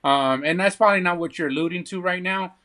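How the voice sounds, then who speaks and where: A man's voice: sits high, quick pace, pushed and bright. Emphatic man in casual chat. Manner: emphatic, opinionated, tags lines with 'right?'. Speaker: podcast co-host.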